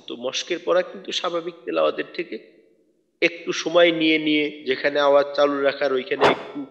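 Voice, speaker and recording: A man teaching Quran recitation online, patiently correcting students and modelling slow chanted verses. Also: on the high side, creaky, a bit bright. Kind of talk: online tajweed lesson. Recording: dull lo-fi audio with long reverb.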